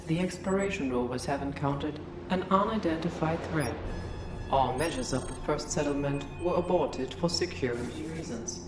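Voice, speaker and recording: A woman voicing a female computer system that delivers a formal mission briefing in a measured, official manner. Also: sits low. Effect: computer system announcement voice. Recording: roomy echo with music underneath, game audio. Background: game soundtrack music.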